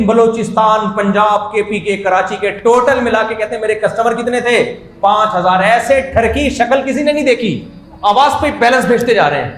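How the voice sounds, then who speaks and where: Brief: male preacher, somewhat high voice, joking storytelling sermon, echoey room. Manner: conversational, jokey, builds to animated emphasis. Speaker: Islamic preacher. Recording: roomy echo.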